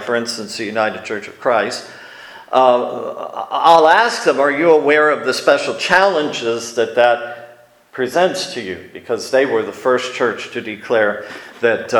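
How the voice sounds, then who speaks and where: A man preaching a sermon as pastor, speaking in a measured way with frequent pauses and fillers. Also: mid-range voice, a bit bright, echoey room, poor audio.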